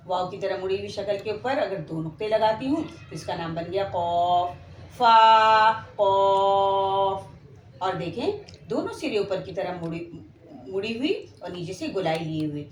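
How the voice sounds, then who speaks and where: With big pitch swings in a slightly mellow, medium-pitched voice, a woman with a Pakistani Urdu accent speaks at normal speed while patiently spelling out Quranic letters for beginners, drawing out each name so they can repeat it in a slow lesson. The setting is an echoey room with faint ambience and slight background noise.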